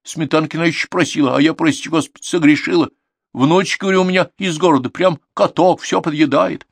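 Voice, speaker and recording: Old village grandmother played by a man, singsong drawn-out speech, raised pitch, dry studio audiobook. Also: fairly even intonation, vocal fry, husky, no room sound. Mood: warm. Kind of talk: audiobook character reading.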